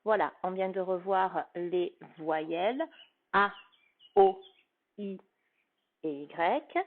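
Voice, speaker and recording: Patient woman teacher, slow and clearly spoken, phonics lesson for a child, recorded with a thin phone-line sound. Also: on the low side, animated. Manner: slow, carefully articulated, patient, addressing a child.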